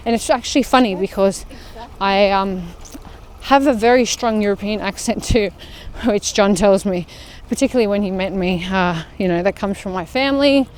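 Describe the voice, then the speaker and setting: An Australian woman talks her listeners through a walk in a casual, chatty way, sounding like she is moving outdoors. Her voice sits at an ordinary middle pitch, with faint outdoor sound in the background. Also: normal speed, a little mellow, a little hiss or hum. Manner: chatty, talking while walking outdoors. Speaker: fitness vlogger leading a walk. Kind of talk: casual walk-along chat. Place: outdoor park path.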